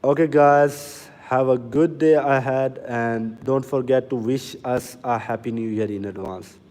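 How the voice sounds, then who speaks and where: A man hosting a livestream to sell farm machinery, talking slowly and earnestly and answering viewer comments. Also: medium pitch, steady tone, a little mellow, big-room sound. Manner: deliberately slow, earnest, reads out comments. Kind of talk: casual livestream talk to viewers. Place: inside a factory or showroom.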